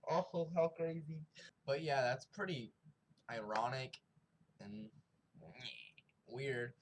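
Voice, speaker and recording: A man's voice: mid-range voice, slow pace, poor audio. A young man casually recapping and reviewing a TV episode, rambling in slang and acting out the characters' lines, with faint noise behind him.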